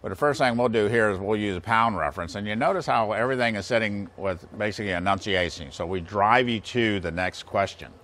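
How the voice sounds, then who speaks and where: Barely pausing, this American instructor in his sixties speaks fairly quickly in a lowish, fairly bright voice as he demonstrates engine balancing gear step by step in a plain, folksy style. Clear workshop ambience fills the large indoor machine shop.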